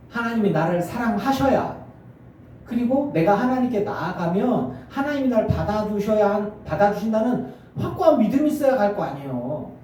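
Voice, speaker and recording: A middle-aged male pastor preaching a sermon, animated and acting out family scenes in character voices. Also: high-pitched, slight background noise. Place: church sanctuary. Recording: echoey church from far off.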